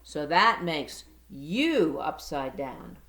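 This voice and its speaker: A woman reading aloud and voicing a blunt, matter-of-fact bat who talks loudly, in a roomy space. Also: sits low, sing-song, extremely slow, heavily acted. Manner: loud, teasing, explaining. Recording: roomy echo.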